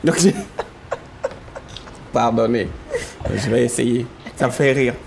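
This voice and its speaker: A singer whose first language is Yakuba, chatting in an interview and telling stories with a laugh. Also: male voice, mid-range voice, takes it slowly, creaky, slight background noise. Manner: animated storytelling, laughing often. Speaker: gospel singer. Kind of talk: casual interview chat.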